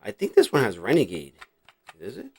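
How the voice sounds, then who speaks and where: A middle-aged New Jersey man hosts a casual, unscripted vlog, showing off his cassette collection while rambling and thinking aloud. His voice is fairly low, darkish and slightly rough, with wildly swooping pitch and a brisk pace.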